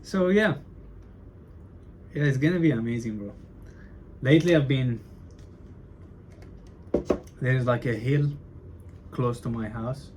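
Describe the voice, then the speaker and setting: A young man chatting loosely to his camera, mid-pitched and unhurried, dropping fillers and restarting his sentences as he goes. Faint background noise sits under his voice. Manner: loose and chatty, says bro and like a lot, stutters. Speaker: vlogger documenting his business. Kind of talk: casual talking-to-camera vlog.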